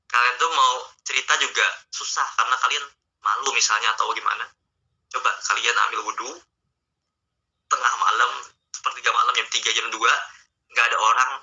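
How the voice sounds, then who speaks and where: Man giving a casual online religious talk, sharp and tense. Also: mid-range voice. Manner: conversational, coaxing, addresses listeners directly. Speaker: Islamic teacher. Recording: dull lo-fi online stream audio.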